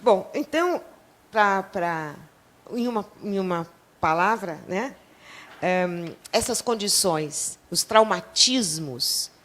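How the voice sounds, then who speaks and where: A woman's voice: lowish voice, fairly bright tone. A woman speaking at an academic panel, talking by association with many fillers and restarts. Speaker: psychoanalyst panelist. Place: lecture hall at a panel event.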